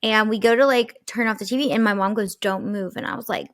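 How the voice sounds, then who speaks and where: A woman's voice: fairly high pitch, fast, dry recording, studio quality. Chatty young woman telling a story. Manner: animated storytelling, lots of "like" fillers. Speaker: podcast co-host. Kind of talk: casual chat, storytelling.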